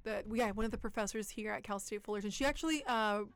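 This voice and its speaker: Woman, 20s, interview guest; animated, emphatic storyteller with a smooth voice. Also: medium pitch, quick pace. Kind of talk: casual interview.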